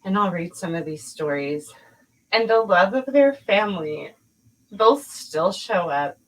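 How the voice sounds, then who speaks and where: A woman's voice: medium pitch, lively intonation, a little slow, low-quality recording. A woman hosting a podcast, talking bluntly in a casual chat, swearing freely and laughing often. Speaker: podcast host.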